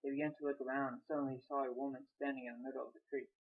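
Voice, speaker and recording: A young adult man reads his own short story aloud in a mid-range voice, flat and racing. His reading is plain, with small restarts, and the recording sounds tinny, like a phone.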